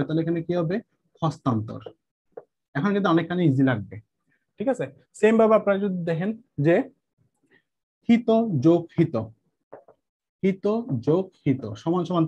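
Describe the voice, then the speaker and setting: Male teacher, slightly high voice, patient and repetitive, dull lo-fi recording. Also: darkish tone. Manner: patient, repeats each step with "ঠিক আছে?" checks; slows to spell out examples. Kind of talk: exam-prep grammar lesson. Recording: muffled lo-fi sound.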